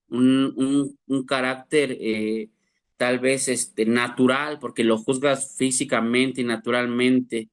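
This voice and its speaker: A man, preaching a sermon to his class, earnest, asking rhetorical questions to his listeners. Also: medium pitch. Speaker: pastor teaching a class.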